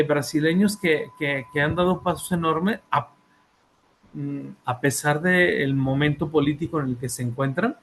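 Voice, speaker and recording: An author and therapist with a Mexican accent gives an academic talk on his book, full of fillers, repeated words and check-ins with his listeners. His voice is a little high, and a faint hiss or hum runs under the recording.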